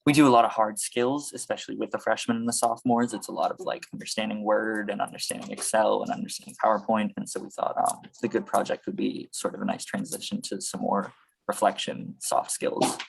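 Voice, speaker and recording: A high school teacher with a Boston accent talks casually on a video call. His voice is gravelly and a little husky, and he takes his time with plenty of pauses. The pitch stays even and flat. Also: poor audio. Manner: unhurried, with many pauses and fillers.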